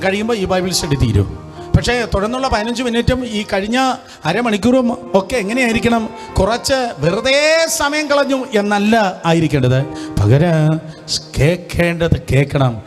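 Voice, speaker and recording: A man with a Malayalam accent preaches a Bible study sermon in a high, lively voice that climbs and drops. He keeps calling for the congregation to repeat phrases back to him and fills the pauses with hallelujah and praise. Music plays clearly behind him. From India. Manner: repetitive call-and-response, leads congregation in repeating phrases; peppers speech with hallelujah and praise exclamations. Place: hot room with lights and fans.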